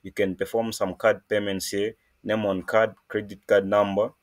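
A man from Zambia hosting a casual screen-recorded coding tutorial, talking in a halting way with many fillers and restarts. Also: lowish voice, little pitch movement. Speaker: programming tutorial host.

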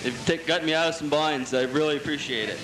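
A man's voice: a little high, fast, a bit bright. A man, a race driver, giving a casual trackside interview. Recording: echoey PA, faint track noise.

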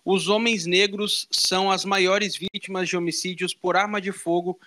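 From a small radio studio with a meeting table, a young man with a Brazilian Portuguese accent reports the news live into a handheld mic, conversational and informative. He speaks at normal speed in a high, sharp voice with a level tone.

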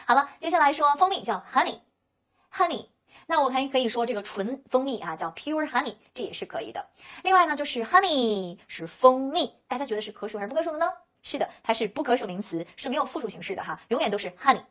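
A woman's voice: sits high, sing-song, fairly bright tone. Woman teaching English vocabulary. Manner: slow, drawn-out model pronunciations of English words; rhetorical questions to the learner, then answers them. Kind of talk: vocabulary lesson explaining words and pronunciation.

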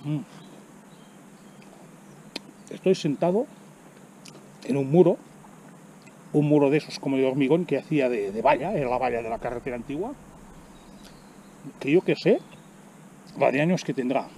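A man's voice: mid-range voice, moderate pace, pauses often, warm tone, a little hiss or hum. A middle-aged man from chatting casually to the camera while snacking outdoors in the woods, often exclaiming as he eats. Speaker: vlogger. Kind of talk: casual outdoor vlog narration. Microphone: camera on the ground in front.

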